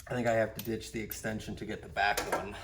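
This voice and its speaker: A man giving a casual how-to walkthrough while working on a car engine, explaining each step in a plain, low-key way. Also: little pitch movement, quick pace, a bit bright, slight background noise. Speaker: DIY car repair presenter.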